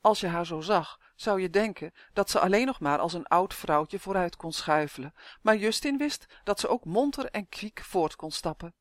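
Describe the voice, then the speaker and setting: A narrator reads a children's story in an even, middle-pitched voice. The sound is dry and close, with no room around it, and the voice climbs a little whenever a character speaks. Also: normal speed, few pauses, dry recording. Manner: lifts the voice for characters' dialogue. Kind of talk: storybook reading.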